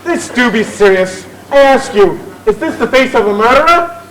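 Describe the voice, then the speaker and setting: A man's voice: very high-pitched, animated, moderate pace. An actor playing a bossy, theatrical Victorian music hall chairman, declaiming and bantering with the audience on stage. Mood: showy, bantering. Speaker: master of ceremonies. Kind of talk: comic stage musical narration. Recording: noisy live theatre audience recording.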